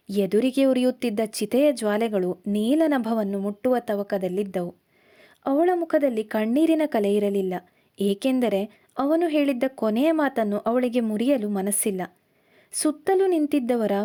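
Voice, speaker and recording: A woman narrates a scripted story in a slow, emotional, literary way. Her voice sits somewhat high and has a mellow, warm tone.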